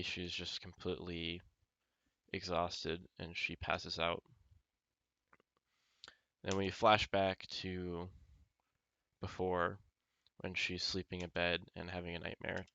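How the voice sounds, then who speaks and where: A man walks through a film pitch shot by shot, pausing often to search for words. His voice is very low, flat and unhurried. It sounds clean and dry, a little dull in tone. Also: gravelly, no echo. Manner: halting, with many ums and uhs; reads quoted lines in the same plain voice.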